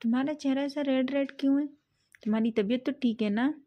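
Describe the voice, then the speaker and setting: A woman voicing a worried, caring middle-aged mother in a storybook reading, her voice raised a little higher than her own. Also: fairly quick, lo-fi sound, close to an everyday voice. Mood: concerned.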